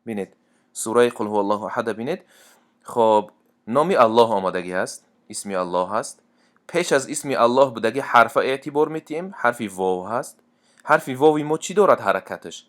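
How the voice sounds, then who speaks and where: Smooth-voiced man teaching tajweed. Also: mid-range voice, lively intonation, fairly bright tone. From Tajikistan. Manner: plain explanatory talk, repeats and restarts, then slow drawn-out chanted recitation. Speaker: Quran recitation teacher. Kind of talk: explaining tajweed rules, casual teaching.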